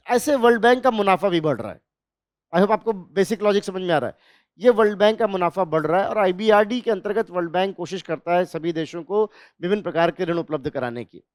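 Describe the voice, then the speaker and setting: A man teaching an exam revision class, posing questions and answering them, repeating key terms slowly. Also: high-pitched, no echo, studio quality. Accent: Hindi. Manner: explanatory, asks and answers own questions.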